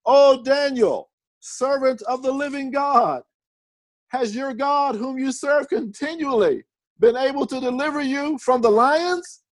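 A distraught old-world king, as a preacher reads him aloud, calling out slowly with sorrow in his voice. The voice is lifted well above the reader's normal pitch. The sound is close and dry. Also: no room sound, poor audio. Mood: anxious. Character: anxious ancient king calling out, grieving.

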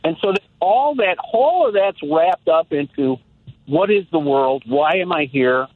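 This talk-show caller, a man in his sixties, speaks a little slowly in a fairly high, animated voice, his casual and reflective chat marked by many restarts. The phone line sounds tinny, with no room sound.

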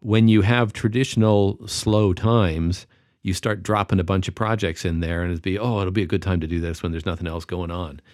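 A man's voice: deep voice, fairly even intonation, moderate pace, darkish tone, no echo, studio quality. A tired man co-hosting a podcast, chatting casually and rambling with lots of fillers. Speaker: podcast co-host. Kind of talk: casual chat.

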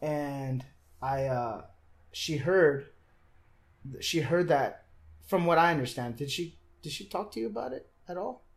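A young man with a slightly high voice tells his story in conversation. He speaks earnestly and casually, stumbling and restarting as he goes. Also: animated, measured pace, gravelly. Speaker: guest. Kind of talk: personal testimony in conversation.

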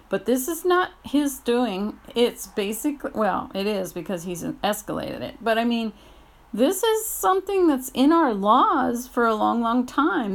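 A woman's voice: on the high side, gravelly. Angry woman ranting at night. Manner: angry, blunt, swearing, rising to outbursts. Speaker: audio blogger. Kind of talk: late-night personal rant.

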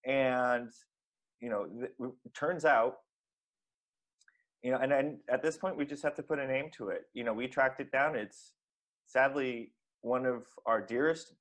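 A man's voice: medium pitch, unhurried, fairly bright tone. A man co-hosting a comedy podcast, talking in a rambling, mock-serious way with lots of fillers. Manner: rambling, earnest, many fillers. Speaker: podcast co-host.

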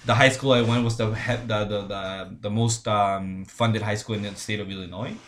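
With a fairly low, steady voice at a moderate pace, a young Spanish-accented man from Honduras talks casually as a podcast guest. He's relaxed, laughs a lot, and keeps saying "bro"; the sound is a bit bright with a little hiss or hum.

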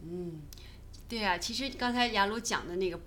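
A woman's voice: mid-range voice, moderate pace, a bit bright. A woman from China taking part as a guest in a casual Bible discussion, hesitant and searching for words.

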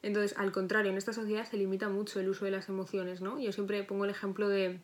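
A woman's voice: medium pitch, little pitch movement, fast. A young woman, a psychologist chatting as a podcast guest in a reflective, self-correcting way. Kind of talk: casual podcast interview.

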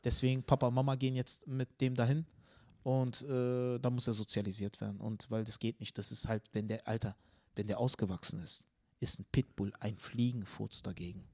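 Animated male podcast storyteller. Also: mid-range voice, a little fast. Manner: animated storyteller, tag questions, acts out scenes. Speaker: podcast co-host, comedian. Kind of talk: casual chat.

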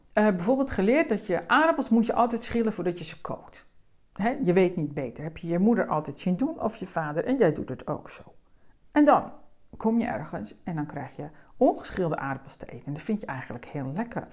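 A woman speaking as a coach, explaining slowly and gently in a calm, deliberate way. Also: fairly low pitch.

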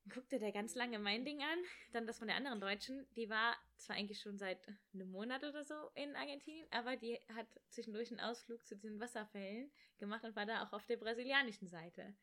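A young woman in casual chat, telling a travel story in an animated way and acting out the voices of people in it. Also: on the high side. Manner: animated, rushed, acts out quoted voices. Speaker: storyteller guest.

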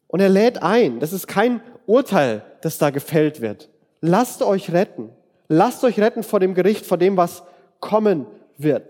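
A man with a notably high voice preaches in an earnest, direct way, addressing his listeners plainly. His words ring out with a long reverb, as in a large church hall. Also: darkish tone. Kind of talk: conversational sermon.

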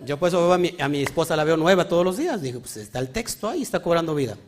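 Male preacher, high voice, animated delivery, checks in with the congregation often. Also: very fast. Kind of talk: sermon teaching.

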